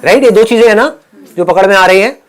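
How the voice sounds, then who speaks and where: A man's voice: high voice, quick pace. A man giving an interactive motivational talk to a live audience in a hall, teasing and laughing with them. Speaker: motivational speaker.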